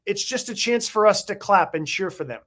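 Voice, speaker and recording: A man's voice: high-pitched, lively intonation, fairly bright tone. Reflective middle-aged man telling stories. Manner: reflective, nostalgic, drawn-out anecdotes. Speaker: podcast co-host, former baseball beat writer. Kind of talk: casual conversational storytelling.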